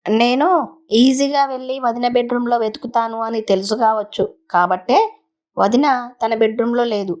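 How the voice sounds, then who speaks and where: A woman narrating a first-person story in a conversational, unhurried way, with small restarts. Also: fairly high pitch, fairly even intonation, darkish tone.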